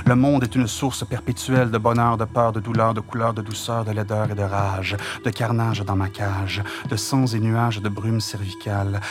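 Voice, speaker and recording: A man with a Franco-Ontarian French accent performing spoken-word poetry, intense and rhythmic, dropping to whispers and rising to loud declaiming. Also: lowish voice. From Ontario, Canada. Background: music.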